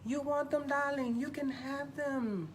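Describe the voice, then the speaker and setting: A woman playing a sassy, glamorous TV psychic who hosts a live call-in stream in a campy, drawn-out manner. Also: high voice, fairly even intonation. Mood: sassy, welcoming. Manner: campy, drawn-out, calls everyone darling. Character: sassy glamorous female TV psychic hotline host. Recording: noisy live stream audio.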